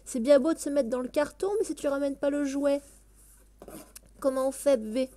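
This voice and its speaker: A woman with a bright, high voice talks through her game in a loose, chatty way, gushing and exclaiming freely. She turns aside now and then to chat to her cat, recorded close on a headset at home. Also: normal speed. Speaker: let's play gamer. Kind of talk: casual gameplay commentary. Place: home room, indoors.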